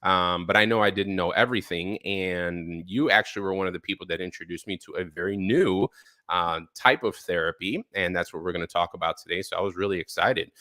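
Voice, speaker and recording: A man with a fairly low, bright voice hosts a live-streamed interview show. He talks loosely and warmly to his audience and fills his pauses with ums and uhs. The recording is dry and close. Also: no room sound. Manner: relaxed, filler-heavy talk with frequent ums. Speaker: podcast host.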